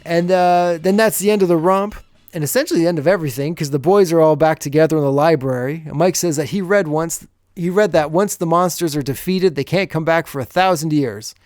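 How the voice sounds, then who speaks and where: A man's voice: fairly high pitch, brisk, a little mellow, dry recording, studio quality. Chuckling man recapping on a podcast. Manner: chuckles often while recapping. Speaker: podcast co-host. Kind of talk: casual episode recap.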